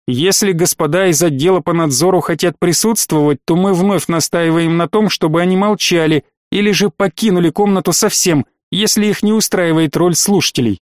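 A man's voice: sits high, normal speed, hardly any pauses, no room sound, studio quality, lightly acted. A man as an icy, demanding lawyer. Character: cool, sharp-tongued lawyer. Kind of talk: audiobook reading.

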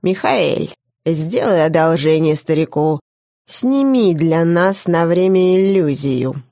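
A woman voicing a sly, scheming middle-aged male academy director in an audiobook, speaking in a smug, drawn-out, biting way. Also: on the low side, expressive, dark tone, no room sound, studio quality. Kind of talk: audiobook character voice.

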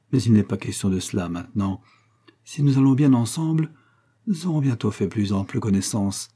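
A man's voice: on the high side, mellow, slightly rough, voice pushed up. A man voicing an elderly aristocratic lady who is effusive and commanding. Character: elderly aristocratic lady, warm, imperious, impulsive.

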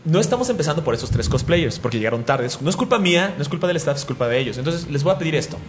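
A quick-talking Mexican man with a slightly higher voice than most men, hosting a radio chat. He spins a comic story, teasing himself and acting out each exchange. A faint hiss sits under the talk. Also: very animated. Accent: Mexican Spanish. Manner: joking, self-mocking, acts out dialogue. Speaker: radio show host. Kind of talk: animated storytelling on a talk show.

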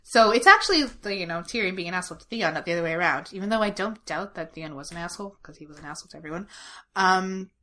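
A woman's voice: fairly low pitch, animated, fast, sharp tone. A woman co-hosting a casual show recap podcast, talking sarcastically with lots of "like" as filler. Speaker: podcast co-host.

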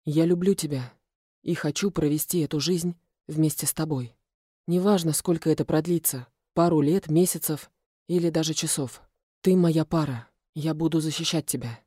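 A woman voicing a confident, insistent male werewolf alpha in an audiobook, speaking low and steady. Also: normal speed, breathy edge, dry recording, clean studio sound. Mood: tender.

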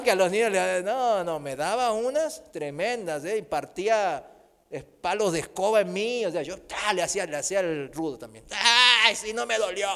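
Brief: middle-aged male pastor, emphatic sermon with humor, high voice, reverberant hall. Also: fairly bright tone. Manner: emphatic, with humorous personal anecdotes.

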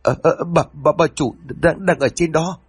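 A man voicing a cheeky, easily frightened young housemaid girl in a spoken ghost story, with shrill, excitable chatter. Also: a little fast, breathy edge, lightly acted. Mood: panicked.

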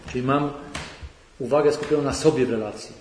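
A man's voice: mid-range voice, fast, a little mellow. Man lecturing in an echoey hall. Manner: conversational, rhetorical questions to the audience. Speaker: retreat lecturer. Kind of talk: lecture to a church retreat audience. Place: large sanctuary hall. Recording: echoey hall recording, faint noise.

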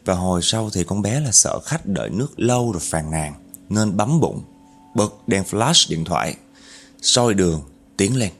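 A man narrating a horror story in an animated way, speaking directly to his listeners. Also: deep voice, normal speed.

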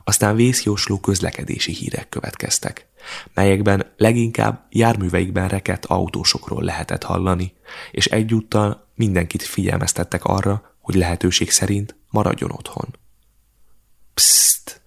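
A man reading an audiobook in a steady, measured narration. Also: low-pitched, creaky, husky. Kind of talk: scripted narration.

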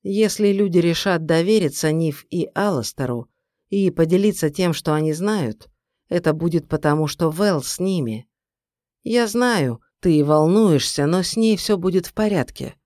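A woman voicing a calm, grim young male king in an audiobook, speaking in a measured, reassuring way. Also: lowish voice, dry recording, clean studio sound, natural voice. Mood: calm, grave. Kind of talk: audiobook character reading.

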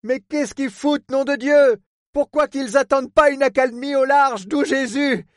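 A gruff, fretful harbor superintendent, as a male narrator puts him on, talks in blunt rustic speech and keeps swearing. The voice sits very high, far above the reader's own. The sound is dry and close. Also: moderate pace, no room sound. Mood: alarmed, shouting. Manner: blunt rustic talk, full of oaths. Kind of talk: audiobook character voice.

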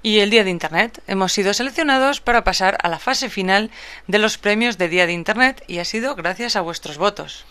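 Bright, smooth-voiced woman podcast co-host. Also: medium pitch, fairly quick. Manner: calm, brief, matter-of-fact. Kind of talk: casual podcast chat.

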